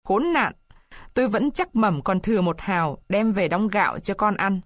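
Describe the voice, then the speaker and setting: A woman's voice: mid-range voice, expressive, normal speed, no echo, clean studio sound, lightly acted. A woman voicing a poor peasant wife who pleads and weeps, in a storybook reading. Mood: tearful. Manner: pleading, weeping.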